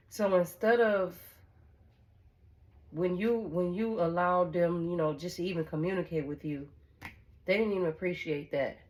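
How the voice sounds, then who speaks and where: Low-voiced woman giving a blunt tarot reading. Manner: blunt, swears freely, repeats phrases and checks in with "okay?". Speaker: tarot reader. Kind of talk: casual tarot reading to viewers.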